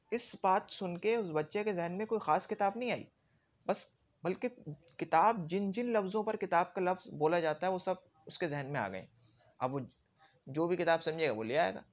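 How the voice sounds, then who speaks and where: A man teaching Arabic grammar in a classroom-style lecture, explaining with everyday examples and often checking that listeners follow. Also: sits high. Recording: dull lo-fi recording.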